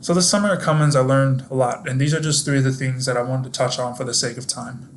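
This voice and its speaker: A man's voice: medium pitch, steady tone, quick pace, slight background noise. A young man presenting his internship work in a scripted video, explaining things to viewers directly in an upbeat, friendly way. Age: young adult.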